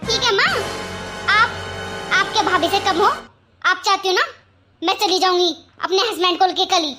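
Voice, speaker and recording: A sulky, quick-tempered young married daughter from a cartoon story. Her voice is very high and bright, sharp and argumentative. She talks back with defiance. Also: soft background music. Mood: defiant.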